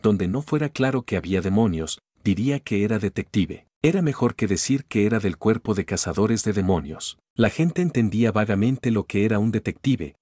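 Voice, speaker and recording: Male audio novel narrator, low and husky, dry close sound, steady measured delivery. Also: no echo.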